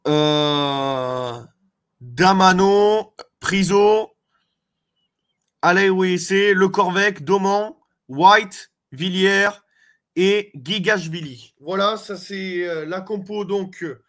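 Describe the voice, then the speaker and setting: A man's voice: a little high, fairly bright tone. A man from the Landes giving casual rugby fan commentary to his viewers, chatty and full of hesitations. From Landes, France. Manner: chatty, hesitant, many fillers, addresses viewers as "les gars".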